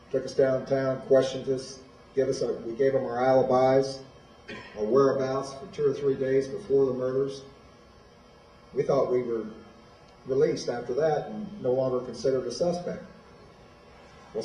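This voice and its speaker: Telling his own story plainly and directly, a man from Illinois, USA, gives a personal testimony as a guest speaker in a high school hall. His mid-range voice has a dark tone. The hall echoes, his voice sounds distant, and there's slight background noise.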